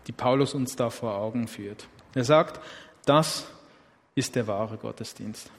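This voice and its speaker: A man's voice: fairly high pitch, a little mellow. A man preaching a sermon in a conversational way, often checking in with the listeners. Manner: conversational, often asks "oder?". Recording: long hall reverb.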